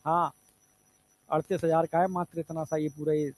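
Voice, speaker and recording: With a slightly high, somewhat mellow voice that barely moves in pitch, a man delivers a biology exam-prep lecture at a moderate pace into a lapel mic. His style is chatty, full of "theek hai," and he often asks whether his students understand.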